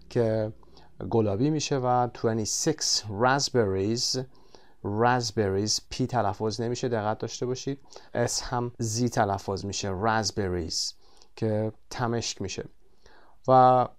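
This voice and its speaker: A man teaching English vocabulary in a textbook lesson, drawing out the English words slowly and explaining quickly in between. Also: mid-range voice, darkish tone, clean tone.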